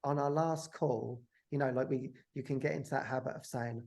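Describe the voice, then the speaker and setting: A man speaks as a podcast guest and reflects in a loose, wandering way. His voice is gravelly and dark in tone. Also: mid-range voice, steady tone, fairly quick. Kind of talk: conversational interview.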